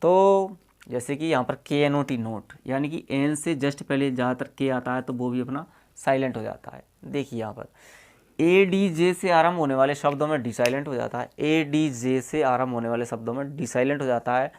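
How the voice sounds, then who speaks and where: A male teacher walks through examples at an unhurried classroom pace. He talks in a casual, everyday way, often checking in with "okay" and "see here." He spells words letter by letter and repeats each one so it sinks in. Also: mid-range voice, a little mellow, clean tone. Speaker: English teacher. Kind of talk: classroom-style explanation.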